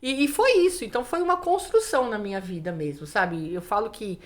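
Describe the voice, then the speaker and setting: A woman's voice: mid-range voice, brisk. A woman pastor, telling her testimony in a casual interview and acting out the dialogue. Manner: lively storyteller who acts out dialogue, many "né" fillers. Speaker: pastor, guest.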